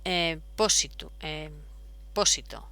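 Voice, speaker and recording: A woman's voice: low-pitched, expressive, slow pace, gravelly, pushed and bright, smooth, dry recording. A woman, explaining step by step as a teacher, patient, with frequent fillers. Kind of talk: explaining at a whiteboard.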